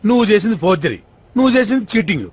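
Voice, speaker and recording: An actor playing a bossy police officer in a Telugu film comedy. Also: male voice, high voice, very animated, racing.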